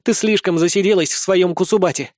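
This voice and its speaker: A proud young cat-girl from a storybook, brash and blunt, scolding in a bright, raised voice, as a male narrator puts her on. The voice sounds dry and close. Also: high-pitched, a little fast, no room sound, close to an everyday voice.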